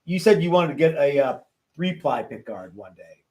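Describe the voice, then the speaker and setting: A man with a slightly high voice hosts a guitar workshop in easy, casual chat. He rambles, doubles back on his words and restarts his sentences as he talks with his students. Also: sing-song, normal speed, dark tone. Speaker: guitar-building workshop instructor and host.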